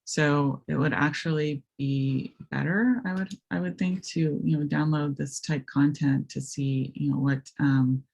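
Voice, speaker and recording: Raspy, gravelly woman presenter. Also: low voice, steady tone, unhurried, few pauses, a little mellow. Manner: hesitant, many ums, thinks aloud. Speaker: webinar presenter. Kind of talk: screen-share software walkthrough.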